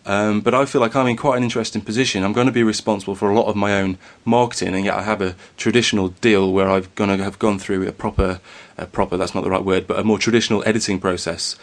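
A man's voice: fairly low pitch, steady tone, fast talker, hardly any pauses. A man from northern England hosting a podcast, speaking hesitantly with many restarts but enunciating carefully. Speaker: podcast host. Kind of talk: casual podcast interview.

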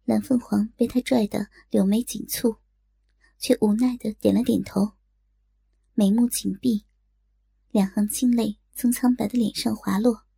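A woman narrates a martial-arts audiobook with steady, unhurried storytelling. Her slightly high voice is warm, gravelly, and husky. The recording is dry and close, with no room sound.

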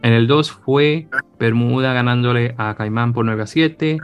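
A man's voice: mid-range voice, a little slow, clear, resonant tone, soft background music. A man hosting a sports podcast in casual chat, rambling with many hesitations and restarts. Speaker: podcast host.

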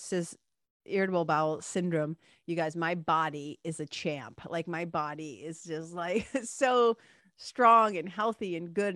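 A woman's voice: low-pitched, fairly bright tone, dry recording, studio quality. A woman with a stuffy, congested nose and a nasal sound, hosting a solo podcast in a casual, playful, lightly sweary chatty way. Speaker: podcast host.

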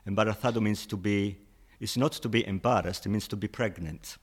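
Low-voiced man patiently explaining languages. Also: a little fast, slightly rough. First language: not English. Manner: patient, explains with examples, chuckles often. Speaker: interview guest explaining languages. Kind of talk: casual explanatory chat.

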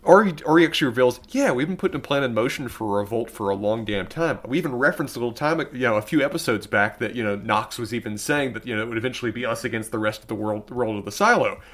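A man's voice: mid-range voice, animated, quick pace, few pauses, fairly bright tone. Emphatic man co-hosting a podcast. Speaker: podcast co-host. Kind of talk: casual podcast chat.

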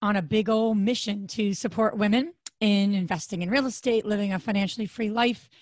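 A woman co-hosting a podcast in a casual chat, her voice raspy and hoarse, with a chatty manner full of restarts. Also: steady tone, fairly quick, a little mellow, no echo. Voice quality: raspy, deep voice. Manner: chatty, frequent restarts and fillers. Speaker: podcast co-host.

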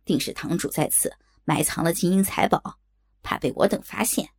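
A coarse, lecherous young bandit from an audiobook, grumbling and crude, as a woman narrator puts him on. His voice sits low and gravelly with a husky edge. He sounds dry and close. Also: moderate pace, dry recording.

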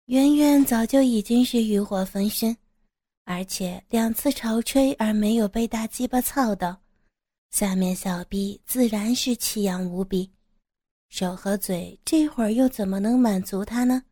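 A woman narrating an erotic audio story in a slow, even reading voice. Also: mid-range voice, dry recording, clean studio sound.

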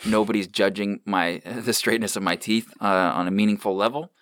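Male podcast host, thirties, low voice, dry close mic, relaxed and profane, lots of fillers. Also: a little fast, no room sound. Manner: laid-back, swears freely, many fillers. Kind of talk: casual chat. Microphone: studio microphone without headphones.

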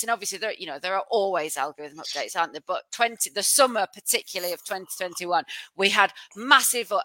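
A woman's voice: medium pitch, bright, forceful tone, no echo. A woman hosting a podcast in a conversational way, explaining things plainly and with emphasis. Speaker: podcast host.

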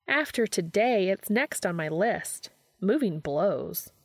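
A woman's voice: animated, takes it slowly, gravelly, no echo, studio quality, full character voice. A woman reading aloud and voicing a spunky, tough young woman who teases her friends in a raised, playful voice. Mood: playful teasing. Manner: bright, playful, higher and louder.

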